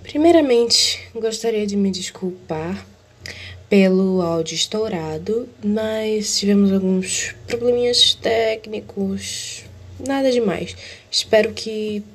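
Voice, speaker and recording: A woman's voice: medium pitch, takes it slowly. A woman hosts an educational explainer, reading a prepared text with small slips and self-corrections, her audio clipping and distorted. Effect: clipping, distorted blown-out audio. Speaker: host.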